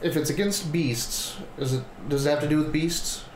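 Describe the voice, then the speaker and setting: A man's voice: a little high, moderate pace, faint music behind. A man playing a tabletop role-playing game, talking casually around the table. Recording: echoey room with clear background noise.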